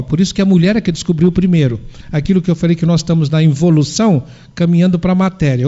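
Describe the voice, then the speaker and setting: A man's voice: sits high, dark tone. A man giving a spiritual sermon, posing rhetorical questions and answering them himself. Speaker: spiritual lecturer. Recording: dull lo-fi recording.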